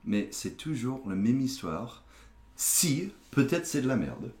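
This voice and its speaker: A man's voice: mid-range voice, big pitch swings, slow, darkish tone. A man with an American accent, a native English speaker, hosting a comedy sketch with teasing, mock-indignant banter. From United States. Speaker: host. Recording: echoey room.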